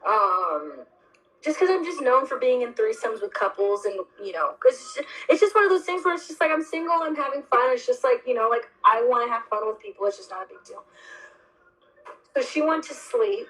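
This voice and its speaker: A young woman with a high voice hosts a loose, casual chat. She tells her story with big emphasis and a steady stream of swearing. Her delivery stays animated and blunt throughout. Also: brisk, rough recording. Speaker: host.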